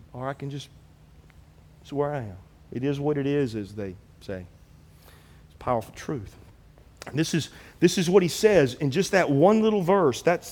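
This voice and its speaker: A man preaching a sermon as pastor, animated and acting out quoted biblical figures in his own voice. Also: on the high side, husky, in a large hall.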